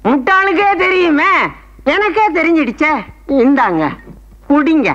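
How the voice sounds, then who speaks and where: A man's voice: very high voice, very animated, measured pace, muffled recording, noisy background, exaggerated voice. A cheeky, teasing man. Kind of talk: film comedy acting.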